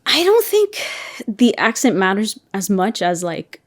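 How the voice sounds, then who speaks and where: A woman's voice: mid-range voice, big pitch swings, a little slow. A woman in her twenties from Canada, hosting a podcast in casual conversation, chatty and full of fillers. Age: 20s. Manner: chatty, fills with "like" constantly. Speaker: podcast host.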